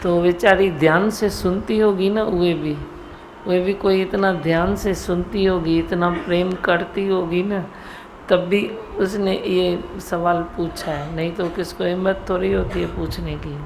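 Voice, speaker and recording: A woman's voice: on the low side, fairly even intonation, a little mellow, rough recording. A middle-aged woman guru giving a satsang talk to devotees, teasing and scolding them. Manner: scolding, teasing, slow and gravelly. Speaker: spiritual guru leading satsang. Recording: faint background noise.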